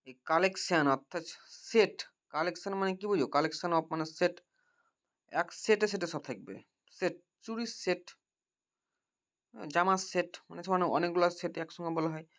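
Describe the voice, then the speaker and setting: Man tutoring grammar with many checking questions, slightly high voice. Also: moderate pace, long pauses, fairly bright tone. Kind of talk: grammar lesson. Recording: dull lo-fi recording.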